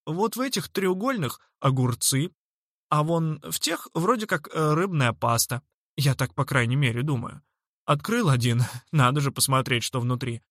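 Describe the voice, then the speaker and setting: A man voicing a scruffy, stubborn little boy waiter who talks bluntly and rambles deadpan. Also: fairly high pitch, moderate pace, dry recording, clean studio sound. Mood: rambling.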